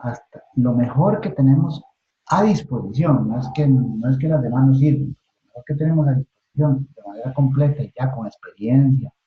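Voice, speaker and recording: A male teacher lectures haltingly, leaning on fillers and tag questions at a middle pitch. The sound is thin and phone-like, heard in an echoey room. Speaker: Bible Hebrew teacher. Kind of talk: recorded class lecture.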